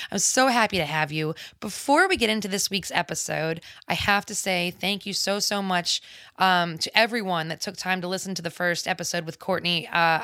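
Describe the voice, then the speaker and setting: A woman hosting a podcast in casual, gushing chat, sounding tired, with a slight smoker's rasp. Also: on the low side, pushed and bright, no room sound, clean studio sound. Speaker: podcast host.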